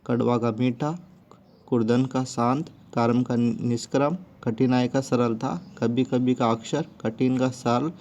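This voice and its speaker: Male teacher, unhurried and methodical, listing word pairs, dull lo-fi sound. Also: medium pitch, fairly even intonation, darkish tone. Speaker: Hindi teacher. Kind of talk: spoken grammar lesson. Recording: dull lo-fi recording.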